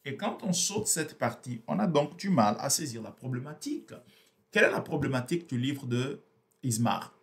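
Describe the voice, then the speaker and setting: With a medium, expressive voice at normal speed, a man whose native language is Portuguese explains a book for a review. He hesitates often, circles back over the same words and leans heavily on fillers.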